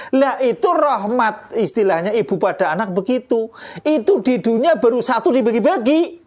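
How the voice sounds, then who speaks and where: A man, teaching a relaxed religious lesson as a kiai, chatty and joking, quoting Arabic verses. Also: high-pitched. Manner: chatty, jokey, laughs often, quotes Arabic verses. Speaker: kiai teaching a kitab study.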